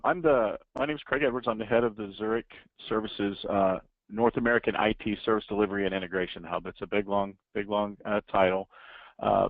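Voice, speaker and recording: A man's voice: lowish voice, no echo. A man, a guest on a webinar, explaining his team's responsibilities in a plain, businesslike way. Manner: plain, businesslike, some restarts. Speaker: IT service management head, guest. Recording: dry tinny phone line.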